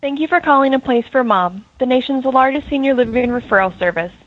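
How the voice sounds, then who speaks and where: A woman's voice: high-pitched, lively intonation, brisk, dry recording. A woman's recorded phone menu voice reading scripted prompts, played from a phone held up to a microphone. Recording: tinny phone line through a mic, loud noise.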